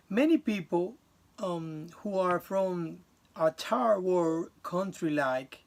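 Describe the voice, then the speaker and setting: Presenting to his class on video, a Dominican Republic student talks slowly in a gravelly voice that sits high. He comes across as earnest, halting and restarting, with some non-native grammar slipping in.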